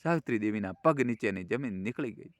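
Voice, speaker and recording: A man narrating a family drama in a measured, dramatic storybook style. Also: on the low side, expressive, no echo, studio quality.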